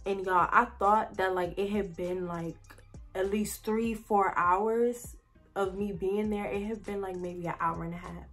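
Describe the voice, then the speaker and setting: A woman's voice: medium pitch, steady tone, a little slow, a bit bright, faint music behind. A young woman vlogging a casual storytime, rambling with lots of "like" and talking straight to her viewers as "y'all.". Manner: chatty, rambling, heavy "like" fillers, addresses viewers as y'all.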